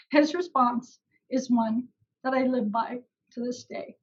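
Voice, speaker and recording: A woman's voice: a little high, fairly even intonation, unhurried, breathy edge, dull audio. A young woman giving an emotional, heartfelt valedictory speech at an online graduation ceremony.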